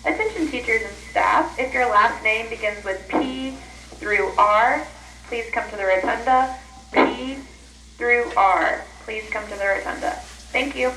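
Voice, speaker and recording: A woman making a loud, measured public address announcement over a school intercom loudspeaker, heard from a distance. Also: a little high, slight background noise. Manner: loud, measured, repeats the key words. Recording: echoey loudspeaker heard from far off.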